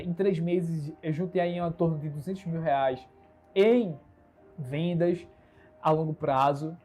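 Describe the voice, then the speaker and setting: Speaking in a mellow voice that sits high, this twenty-something entrepreneur from Recife chats casually and earnestly to his audience on his own channel's livestream, filmed in his bedroom on a smartphone camera. He has a Recife Brazilian Portuguese accent and is upbeat and self-assured, with lots of gestures.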